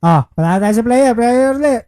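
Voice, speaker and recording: A male live-streamer with a warm, mellow tone that stays relaxed. He talks in a loose, casual way as he plays, reads out viewer shoutouts, and rattles off repeated betting calls. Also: extremely high pitch, moderate pace. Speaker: livestreaming baccarat player.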